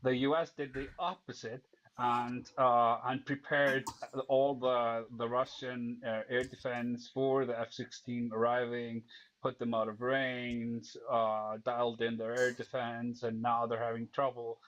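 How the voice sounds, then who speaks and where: A man's voice: mid-range voice, flat delivery, a little slow, a bit bright, lo-fi sound, a little hiss or hum. A man from Iceland, a guest debater in casual chat, who knows his subject and often restarts his sentences.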